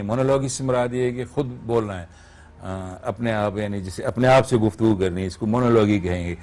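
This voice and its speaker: Male guest with a middle-pitched voice, a veteran radio voice artist who explains patiently and keeps checking that he is followed. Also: a little mellow. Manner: teacherly, explains step by step and checks understanding. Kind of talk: TV morning show interview. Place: TV studio.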